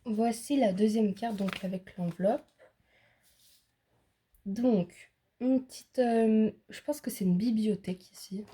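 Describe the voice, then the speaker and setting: Woman showing cards, lots of ums, husky mellow voice. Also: mid-range voice. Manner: hesitant, describes items with many fillers. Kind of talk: casual show-and-tell.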